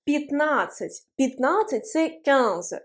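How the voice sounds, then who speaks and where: A woman with a high voice gives a language lesson at a board. She speaks slowly and patiently, repeating each word so learners can follow. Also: animated. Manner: patient, drills words slowly and repeats them. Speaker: Russian language teacher. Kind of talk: video lesson. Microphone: writing on a board.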